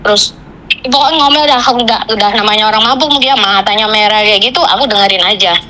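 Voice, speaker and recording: A woman on a phone call, venting about her job in rushed, broken sentences. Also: medium pitch, pushed and bright, slight background noise. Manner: venting, tells a story in rushed fragments with Javanese fillers. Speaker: caller, migrant domestic worker. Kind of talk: casual chat.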